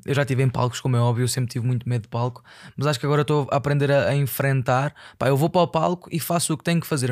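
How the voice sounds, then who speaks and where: A man's voice: mid-range voice, a little mellow. A young man with a European Portuguese accent, chatting casually on a solo podcast in a rambling, slangy, confessional way with bits of English mixed in. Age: young adult. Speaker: podcast host and musician.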